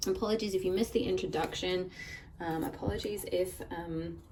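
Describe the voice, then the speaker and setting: A woman giving a casual pick-a-card tarot reading. Her voice is slightly croaky from a recent illness, and she talks in a rambling, reassuring way with lots of "like" and "I feel like". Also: on the low side, moderate pace, a little mellow, recorded from a distance, slight background noise, poor audio.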